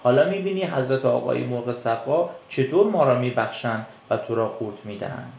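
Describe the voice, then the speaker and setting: A man's voice: medium pitch, animated, gravelly, a little mellow. A man voicing a group of frightened, cowardly little fish who plead and fawn, in a storybook reading. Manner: pleading, fawning. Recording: echoey room.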